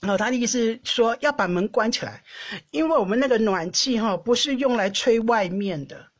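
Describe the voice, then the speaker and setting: A Taiwanese woman with a Taiwanese Mandarin accent, hosting a podcast and telling a personal story in an animated, chatty way, often laughing and tagging phrases with a soft "ha". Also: fairly high pitch, normal speed. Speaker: podcast host. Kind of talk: casual storytelling monologue.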